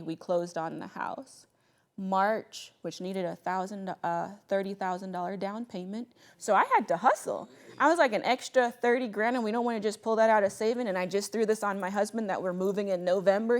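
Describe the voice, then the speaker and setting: A young woman from the Bahamas tells a story from her own life with a lot of energy. She laughs often and plays out the lines of people in her story. Her voice sits at a middle pitch. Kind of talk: personal storytelling.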